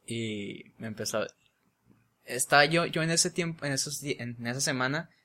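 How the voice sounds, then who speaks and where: A man's voice: medium pitch, normal speed, bright, forceful tone. Young mexican guy, slangy chatty storytelling, laughs a lot, casual convo. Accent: Mexican Spanish. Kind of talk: casual chat.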